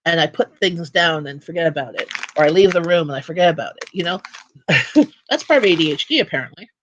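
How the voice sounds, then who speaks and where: A woman hosts a relaxed livestream chat from her home. She talks in a loose, rambling way and often backs up to restart her sentences. There is a faint hiss of background noise under her voice. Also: on the low side, quick pace, muffled recording. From Canada. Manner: rambling and chatty, with frequent restarts. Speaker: livestream host. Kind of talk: casual chat.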